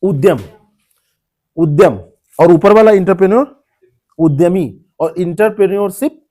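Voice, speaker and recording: A man's voice: high voice, unhurried, mellow. A man teaching a classroom lecture, explaining word meanings, repeating terms and quizzing students by name. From India.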